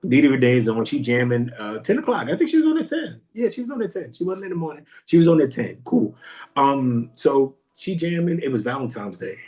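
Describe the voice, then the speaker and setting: A man hosting a podcast who tells a story in a casual monologue, animated, repeating phrases and jumping high when he quotes himself. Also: a little fast. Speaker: podcast host.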